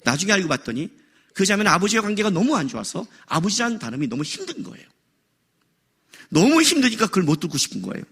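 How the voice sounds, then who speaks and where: Lively, bright-voiced Korean male pastor preaching. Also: high-pitched, fast, creaky, slightly rough. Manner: animated, jokes and raises voice for effect. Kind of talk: sermon. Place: church worship service.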